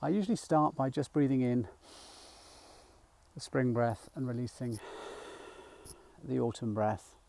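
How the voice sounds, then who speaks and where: A middle-aged man talking gently while walking outdoors, a little out of breath, rambling with fillers as he guides a mindfulness practice. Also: mid-range voice, a little slow, gravelly, long pauses, slight background noise. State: slightly out of breath. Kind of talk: casual walking vlog. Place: outdoors in a field by a small woodland.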